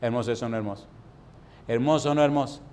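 A man preaching a sermon, asking the audience questions and reading verses slowly and emphatically. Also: medium pitch, a little mellow. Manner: emphatic, asks the audience rhetorical questions, reads scripture slowly.

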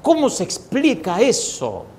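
A man preaches with a fairly high voice, dramatic and fervent, now and then voicing the people in his stories. A faint hiss and low rumble sit under the recording. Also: huge pitch swings, a little slow, a little mellow. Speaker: pastor. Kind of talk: sermon.

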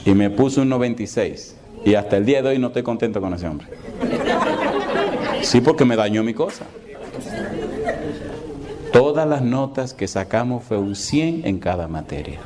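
A man preaching a sermon, telling humorous personal stories and acting out the dialogue, then slowing into emphatic exhortation. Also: medium pitch, a crowd in the background. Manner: animated storyteller who acts out dialogue, then slows to emphatic preaching.

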